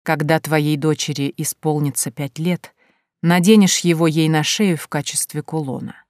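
Woman reading cold otherworldly man, slow silky menace, low voice, dry audiobook sound. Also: steady tone, no room sound, natural voice. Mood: menacing. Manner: slow, drawn-out, dropping to a hush.

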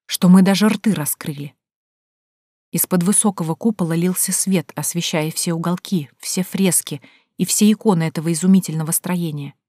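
A woman reading a first-person story aloud in a measured, hushed storytelling manner. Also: on the low side, no room sound, studio quality. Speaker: narrator. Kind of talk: first-person audiobook narration.

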